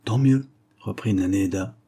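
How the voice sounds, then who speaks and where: A man voicing a scheming, knowing village woman in a storybook reading, talking in a brisk, conspiratorial way. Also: low voice, dark tone, breathy edge, exaggerated voice.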